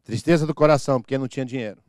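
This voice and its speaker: A man preaching a sermon as pastor, swinging from soft low asides to loud proclamations and comic impressions of churchgoers. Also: very fast, no echo, clean studio sound. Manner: animated, mimics church members with comic voices.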